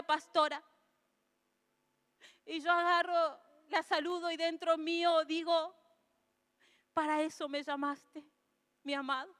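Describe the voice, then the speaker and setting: A woman pastor, preaching an earnest sermon that builds into emotional, tearful shouting. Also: very high voice. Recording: long hall reverb.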